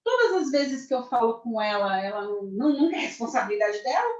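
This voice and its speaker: A woman's voice: on the high side, very animated, quick pace, darkish tone. A woman with a Brazilian accent, a career mentor giving a corporate training talk, speaking to the audience directly and acting out example phrases. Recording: echoey, dull lo-fi sound.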